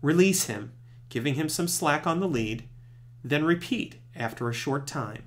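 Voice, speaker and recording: Lively man narrating instructions, slightly high voice. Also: a little slow. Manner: clear step-by-step instructing. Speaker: presenter of puppy training tips.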